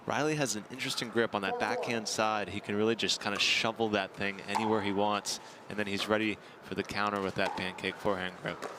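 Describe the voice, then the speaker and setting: A man giving color commentary on a pickleball match, breaking down players' grips and shots in a relaxed way. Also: lowish voice, brisk, hardly any pauses, noisy background. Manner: analytical, relaxed, laughs easily. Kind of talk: sports commentary.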